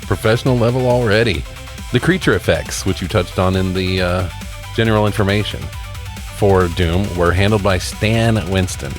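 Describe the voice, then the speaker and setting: This co-host's voice sits low and moves at a moderate pace, with guitar music playing behind him. He's part of a laid-back quiz-type conversation on films and games, cracking jokes and cursing casually.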